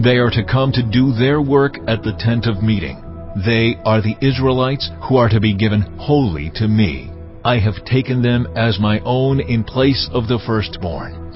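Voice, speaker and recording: A man's voice: medium pitch, natural voice. Divine voice male actor: authoritative, solemn God for dramatized scripture, medium register, slightly dull recording. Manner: authoritative, deliberate, instructing. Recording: dull lo-fi audio under loud music. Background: music.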